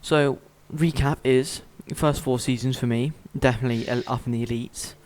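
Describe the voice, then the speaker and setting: A young man in casual chat about video games, blunt and quick to swear. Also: medium pitch, fairly even intonation, a little mellow, poor audio. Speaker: gaming YouTuber. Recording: faint noise with clicks.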